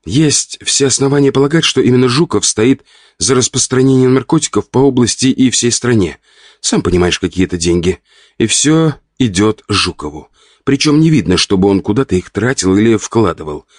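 A man voicing an indignant, sharp-tongued middle-aged countess in an audiobook. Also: medium pitch, animated, dry recording, clean studio sound, pitched above the performer's own voice, lightly acted. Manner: indignant, quick to retort.

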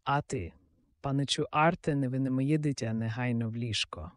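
A man's voice: medium pitch, normal speed, no echo, studio quality, natural voice. A man voicing a doting, fretful old nanny who exclaims and scolds. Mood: scolding. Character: fussing old nanny, woman, doting and shrill.

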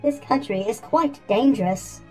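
A man's voice: very high voice, measured pace, soft background music, voice pushed up, poor audio. A man narrating a story who voices an anxious, fussy male butler robot with a prim, worried, formal way of talking. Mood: fretful. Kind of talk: audiobook character voice.

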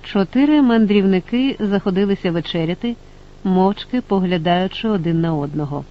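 A man narrating an audiobook in a steady, measured reading. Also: high voice, dull audio.

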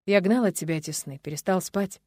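A woman voicing a confident man, a dragon lord, speaking calmly and tenderly. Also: fairly low pitch, brisk, no room sound, lightly acted.

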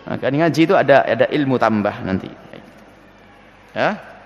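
Guy preaching in a big echoey hall, swoops his pitch all over acting stuff out. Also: normal speed, dull audio. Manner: lively, acts out scenes with swooping pitch. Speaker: Islamic preacher answering questions. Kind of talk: religious Q&A talk to a congregation. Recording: long hall reverb.

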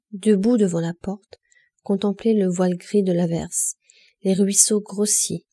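Give me a woman narrating a literary audiobook in a warm, husky, steady voice. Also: medium pitch. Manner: steady, measured storytelling.

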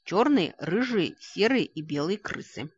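A reader voicing a vengeful, unhinged male villain in an audiobook, screeching frantic threats with a husky voice. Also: mid-range voice, lively intonation, unhurried, no room sound, muffled recording. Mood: proud. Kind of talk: audiobook character voice.

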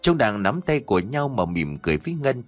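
Male storyteller, scripted horror narration, measured dramatic manner, lowish voice, very lively intonation. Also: no room sound, soft background music. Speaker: storyteller and channel host.

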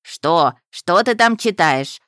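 A woman voicing a sly, desperate cursed toad spirit that howls and pleads in shrill outbursts. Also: animated, slow pace, fairly bright tone, dry recording, studio quality. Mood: demanding.

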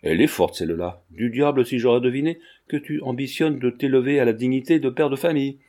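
A man's voice: medium pitch, fast talker, dark tone, close to an everyday voice. A man reading a novel aloud, voicing a mocking, skeptical young Parisian man who teases his friend with irony. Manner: teasing, ironic.

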